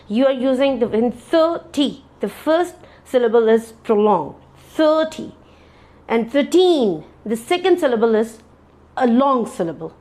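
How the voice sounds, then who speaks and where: A woman's voice: mid-range voice, a little mellow. A woman teaching as an English test teacher in a lecture, with frequent fillers and self-corrections, repeating key points as she explains.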